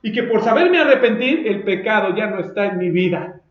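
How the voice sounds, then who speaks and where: Mexican male pastor, high voice, fiery and blunt sermon, roomy echo. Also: expressive, a little fast. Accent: Mexican Spanish. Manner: fiery and confrontational, with mocking asides. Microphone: recorded for video. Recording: roomy echo, dull lo-fi sound.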